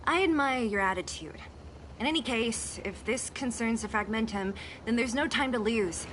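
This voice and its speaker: A woman's voice: a little high, moderate pace, fairly bright tone, a little hiss or hum, close to an everyday voice, rough recording. An actress voicing a skeptical young woman fighter in a game, speaking dryly. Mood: resolute. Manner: dry, skeptical. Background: game music.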